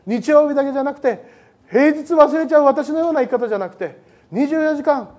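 A male pastor preaching a sermon to a congregation in a lively, joking way that often wanders off topic. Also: very high-pitched, a little fast. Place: church service with a congregation.

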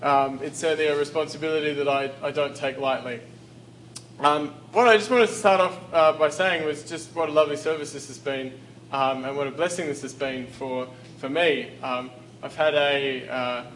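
Through a handheld or stand mic, a visiting Australian preacher gives a sermon in a church sanctuary, hesitating with fillers and restarts, then reading scripture aloud. His voice is a little high and fairly bright, steady and at normal speed. The recording is low quality, with a bit of hiss or hum.

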